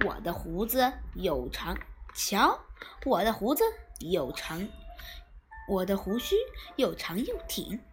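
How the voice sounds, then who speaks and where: A woman voicing a boastful, quarrelsome male tabby cat who brags and taunts loudly. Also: a little high, sing-song, slow pace, long pauses, a little hiss or hum. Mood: boastful taunting. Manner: bragging, taunting, shouty.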